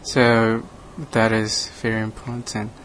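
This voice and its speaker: A native Lao speaker from Laos, a monk who hosts a radio program, chats casually in English in a lowish, flat, even tone. He speaks slowly and haltingly, restarting sentences often and laughing frequently. The low-quality recording carries a faint hiss.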